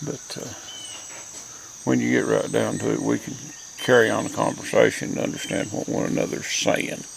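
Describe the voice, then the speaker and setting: A man's voice: fairly low pitch, fairly even intonation, moderate pace, vocal fry, low-quality recording. An older man with an Appalachian accent, rambling reflectively in a folksy, plainspoken mountain dialect. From Appalachian mountains, southern US. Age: older, grandparent. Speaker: host. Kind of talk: rambling, reflective front-porch monologue. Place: outdoors, rural porch. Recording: outdoor insect and nature noise.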